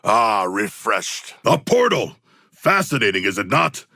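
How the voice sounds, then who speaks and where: A man voicing a huge, earnest shark-man warrior in a video game, gravelly and husky, with stilted, grandiose, literal diction. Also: lowish voice, sing-song, measured pace, sharp tone, no room sound, clean studio sound, full character voice. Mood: calm, formal. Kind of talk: video game character voice lines.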